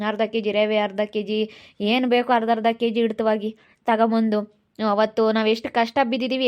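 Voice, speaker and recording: A woman's voice: a little high, lo-fi sound, natural voice. A woman playing an aggrieved young village husband. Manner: complaining, aggrieved, repeats the same grievance. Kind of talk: amateur village drama acting.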